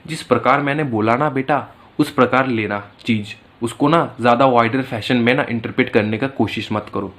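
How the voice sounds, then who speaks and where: A man's voice: mid-range voice, moderate pace, hardly any pauses, a bit bright. A man teaching an exam-prep lecture casually, chatting and telling stories as he explains. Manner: chatty, storytelling, calls students "beta".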